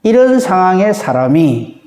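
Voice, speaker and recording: A male pastor delivering a dawn sermon in a lively, high-pitched voice with a mellow tone. He talks conversationally and keeps drawing the congregation in, and his voice rings through a reverberant church hall. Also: a little slow. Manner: conversational, often seeking agreement from the congregation.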